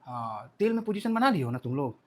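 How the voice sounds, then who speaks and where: A man's voice: mid-range voice, fairly quick. A man giving casual market commentary, joking and colloquial, with lots of rhetorical questions as he acts out the news. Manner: lively, playfully acts out the news. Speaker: stock market analyst.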